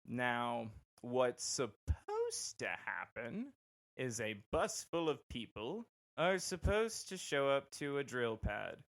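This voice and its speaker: A young man casually telling a personal story on a podcast, animated and quick to act out the people he quotes. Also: gravelly. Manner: animated, acts out quoted voices with big pitch jumps. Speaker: podcast host.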